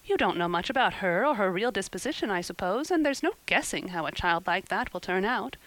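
A woman's voice: medium pitch, lively intonation, fairly quick, a bit bright, dry recording, natural voice, rough recording. A woman voicing a blunt, easily offended village lady in a storybook, outspoken and emphatic. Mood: gloomy.

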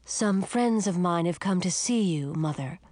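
A woman voicing a young mermaid daughter, earnest and protective of her friends, whose voice rises high when she protests. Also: lively intonation, a little slow, darkish tone, dry recording.

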